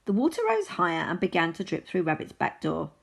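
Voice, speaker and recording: A woman, a primary school teacher, reading a storybook aloud to children in an expressive, animated way. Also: on the low side, brisk, gravelly.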